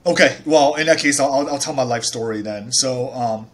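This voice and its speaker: A man in his thirties from Taiwan, a startup founder, tells his life story in a casual interview. He speaks at normal speed in a medium pitch, chatty and full of fillers and restarts.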